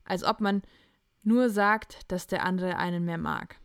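A woman's voice: fairly low pitch, unhurried, gravelly, no echo, studio quality. A young woman hosting a casual podcast, animatedly retelling a chat conversation and acting out both sides. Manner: animated storytelling, quoting texts in chats. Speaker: podcast host.

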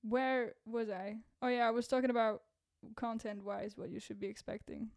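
A woman's voice: on the high side, steady tone, normal speed, a little mellow. Chatty young-sounding woman podcaster, cracky voice. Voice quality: voice cracks, a bit rough. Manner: rambling, self-deprecating, laughs at own jokes. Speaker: podcast host and content creator. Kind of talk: casual solo podcast chat.

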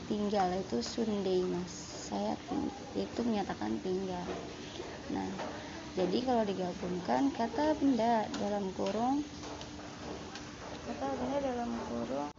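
Her voice mid-pitched and gravelly, a woman walks students through Japanese sentence patterns in an online class. The lo-fi audio carries constant background noise, and she goes over points patiently again and again in new words, with lots of fillers.

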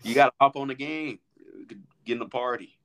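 A young man hosting a casual podcast, relaxed and slangy as he chats and wraps up. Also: mid-range voice, fast talker. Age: young adult. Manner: relaxed, slangy, wrapping up the show. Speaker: podcast host. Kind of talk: casual chat.

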